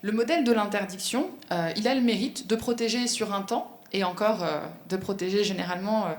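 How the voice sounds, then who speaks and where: A woman's voice: medium pitch, fairly quick. A woman giving a conference talk and answering questions, explaining at length with frequent hesitations and fillers. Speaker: speaker at a professional conference. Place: conference room. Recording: echoey conference room.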